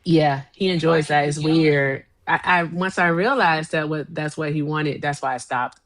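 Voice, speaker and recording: A woman with a Tidewater Virginia accent, co-hosting a stream, chatty and quick to laugh as she reads out messages. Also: sits low. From Norfolk, Virginia. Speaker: stream co-host reading donations. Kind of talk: casual chat.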